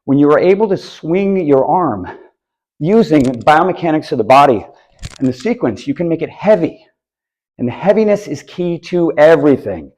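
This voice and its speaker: A man's voice: on the high side, sing-song, normal speed, darkish tone, rough recording. Guy explaining disc golf form while doing throws, chill, kinda winded. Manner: explains while demonstrating throws, casual asides. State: a bit out of breath. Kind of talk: instructional demonstration. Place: outdoors on a course.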